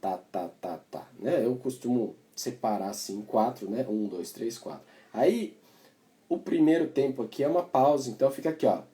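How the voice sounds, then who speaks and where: Brazilian man teaching cavaquinho, mellow voice. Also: mid-range voice, normal speed. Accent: Brazilian Portuguese. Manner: chatty, explains while playing, many filler tags. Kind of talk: casual music lesson. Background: cavaquinho playing.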